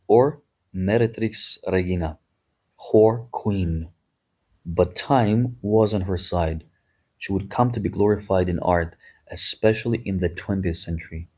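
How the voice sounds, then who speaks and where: A man's voice: fairly low pitch, warm tone, breathy edge. A man hosting a history podcast, talking in a chatty, digressive way with wry asides. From Greece. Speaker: podcast host. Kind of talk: casual history podcast talk.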